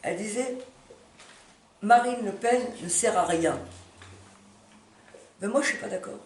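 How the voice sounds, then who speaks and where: A woman with a mid-range voice speaks straight to camera in an unplanned, heated plea, pausing, stressing her points and repeating herself. She is far from the microphone in a spacious room, so the recording sounds roomy and carries background noise.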